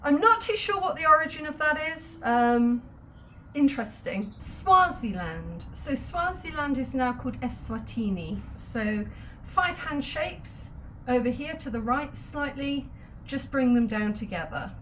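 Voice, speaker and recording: A woman's voice: high-pitched, animated, measured pace, a bit bright, a little hiss or hum. A woman teaching sign language, patiently explaining each sign step by step with light laughs. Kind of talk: instructional video lesson.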